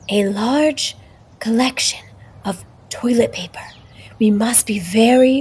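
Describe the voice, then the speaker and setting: Breathy woman, hushed nature-documentary whisper. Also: fairly high pitch. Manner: hushed, often whispering, solemn and dramatic. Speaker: narrator. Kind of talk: mock nature documentary narration.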